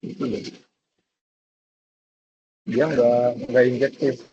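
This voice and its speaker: A man's voice: mid-range voice, level tone, very slow, vocal fry, background noise. A man, a student, giving short answers in a tutoring session heard over an online call. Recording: muffled, distant call audio.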